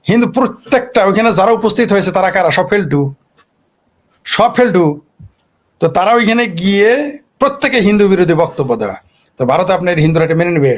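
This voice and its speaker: High-voiced argumentative man. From Bangladesh. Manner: argumentative, fires off rhetorical questions. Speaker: political commentator. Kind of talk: animated political monologue.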